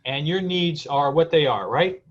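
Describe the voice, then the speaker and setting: A man's voice: a little high, lively intonation, measured pace. A man hosting a casual live-stream interview in an informal, rambling, earnest way. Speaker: event host interviewing guests. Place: remote live video stream. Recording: dull, lo-fi call audio.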